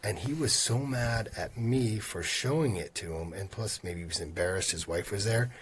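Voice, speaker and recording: This fifties-aged guest, a mortgage lender, speaks at a moderate pace with a fairly low pitch over a slight hiss or hum. It's a relaxed interview where he tells stories from his job with lively energy, voicing his customers' quotes himself.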